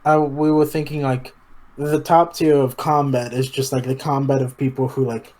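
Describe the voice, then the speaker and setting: A young man with a warm, mellow voice chats casually. He hesitates often and fills gaps with "like" and "uh". His pitch is ordinary, in the middle range. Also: level tone, moderate pace, low-quality recording. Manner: hesitant, thinks aloud with fillers. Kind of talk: casual chat.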